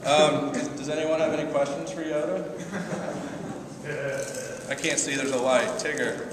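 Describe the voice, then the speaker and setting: Brief: male stand-up comic, high-pitched and loose, rambling through a set on a reverberant theater stage. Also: fairly even intonation, moderate pace. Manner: loose, rambling delivery with restarts and swearing. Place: theater stage with a live audience. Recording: echoey hall, distant, loud crowd and noise.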